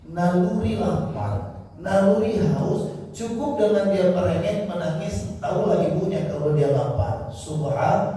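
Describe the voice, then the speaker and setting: A high-voiced Indonesian man preaches in a mosque with a warm, mellow tone. He tells stories animatedly and acts out the voices of the people in them. His voice rings through a large, echoing hall, picked up from well away from the microphone. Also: unhurried. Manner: storytelling, animated, acts out dialogue and a baby's cries. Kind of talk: sermon. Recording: echoey hall, distant mic.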